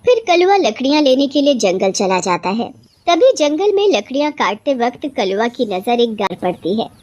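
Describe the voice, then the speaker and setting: A woman narrating a scripted cartoon bedtime story in a plain, steady storytelling manner. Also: fairly high pitch, normal speed, muffled recording.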